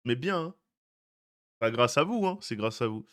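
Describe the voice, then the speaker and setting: A man's voice: medium pitch, expressive, normal speed, a bit bright. A young man streaming live, chatting casually with his viewers, greeting them by name and teasing them. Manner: chatty, greets chat by name, jokey asides.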